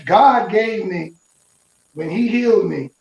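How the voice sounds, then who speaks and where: Sixties man, high gravelly voice, playful preacher, heard from off-mic. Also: slow, a little mellow. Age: 60s. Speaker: guest minister and musician. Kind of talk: casual interview chat. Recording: echoey, distant from mic.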